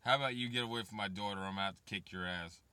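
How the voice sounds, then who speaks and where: Talking directly to his viewers, this man in his thirties swears freely as he rambles about waiting around and bringing up kids. He speaks very fast in a lowish, bright, forceful voice that stays smooth. The recording is dry.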